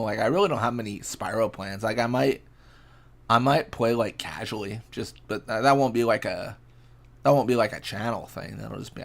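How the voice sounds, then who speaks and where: A man's voice: fairly low pitch, creaky. A young man casually chatting and reacting while streaming a fishing game, laid-back and rambling as he answers chat.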